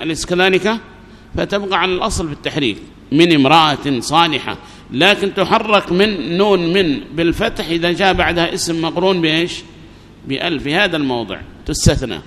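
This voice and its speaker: Grammar teacher with a high voice. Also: male voice, fairly bright tone. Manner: repeats key phrases, quizzes students. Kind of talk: classroom lesson. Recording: long reverb, faint background noise.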